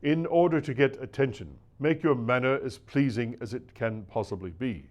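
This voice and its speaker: A man's voice: mid-range voice, moderate pace, darkish tone, muffled recording. Man reading an old lecture, oratorical. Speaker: reader of a classic lecture. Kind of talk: scripted reading of a 19th-century lecture to preachers.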